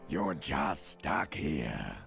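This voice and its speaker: Brief: an old reptilian brain in a game, very slow, creaky growl. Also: male voice, very animated, a bit bright, soft background music, heavily acted. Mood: taunting. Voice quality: deep and gravelly. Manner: slow, taunting drawl.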